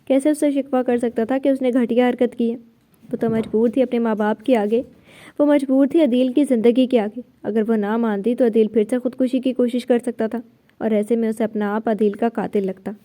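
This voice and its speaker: A woman's voice: a little high, fairly even intonation, warm tone. A woman narrating a novel aloud, reading every character's lines in her own voice.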